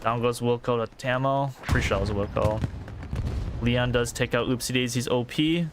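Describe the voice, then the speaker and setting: A man casting a competitive video game match play-by-play, tired and a little out of breath, talking quickly and getting excited at big plays. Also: mid-range voice, noisy background. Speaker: esports caster. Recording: game gunfire and artillery behind.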